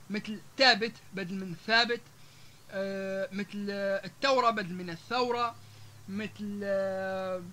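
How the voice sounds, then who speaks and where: A man with a Libyan Arabic accent giving a public lecture to an audience, rattling off example words and pausing on long "aah" fillers. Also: high-pitched, pushed and bright, slight background noise. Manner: rapid, with frequent drawn-out "aah" fillers, listing example words one after another.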